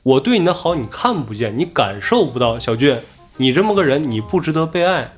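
A man casually telling a story from his own life on a podcast, animated and acting out what others said. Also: fairly high pitch, fairly quick, soft background music. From Inner Mongolia.

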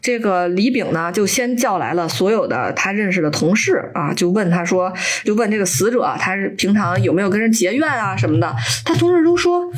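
A woman hosting a podcast, casually walking listeners through a plot with an animated, laughing delivery. She drops into short character voices in the middle of her narration, then returns to a relaxed, conversational tone. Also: mid-range voice, a little fast, hardly any pauses, breathy edge. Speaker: podcast host. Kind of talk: casual story recap.

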